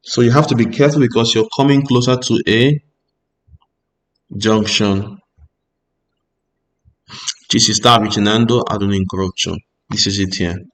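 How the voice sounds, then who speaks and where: Steady in tone and fairly low in pitch, a man runs through a driving theory lesson by reading rules aloud and explaining them with patience. He checks comprehension often with a quick "Ok?"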